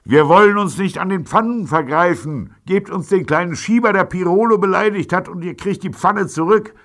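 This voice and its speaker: A man's voice: sits high, normal speed, fairly bright tone, voice pushed up. Man putting on a brash gangster on a megaphone. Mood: threatening. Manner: brash, menacing slang. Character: gangster boss threatening through a megaphone.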